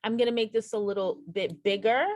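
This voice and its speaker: A woman's voice: medium pitch, steady tone, a little fast, a little mellow, dry recording. A woman teaching a nursing exam lesson over a screen share, speaking straight to her viewers and repeating the key points for emphasis. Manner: addresses viewers directly.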